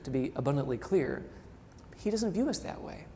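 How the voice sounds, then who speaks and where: A male pastor preaching a sermon, reading quotations aloud and swinging between loud emphasis and soft asides. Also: a little high, very animated, normal speed, in a large hall, slight background noise.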